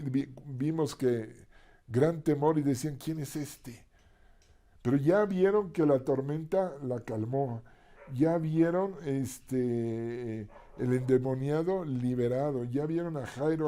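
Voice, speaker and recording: A man's voice: mid-range voice, dark tone. A male pastor teaching a Bible passage in a conversational sermon, with asides and sudden screams.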